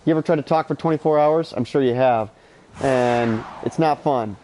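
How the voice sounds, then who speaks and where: Warm and medium-pitched at a normal speed, this streamer's voice comes with slight background noise and game music. He's in his thirties, stuffy and sleep-deprived, rambling, profane and opinionated as he chats through a game.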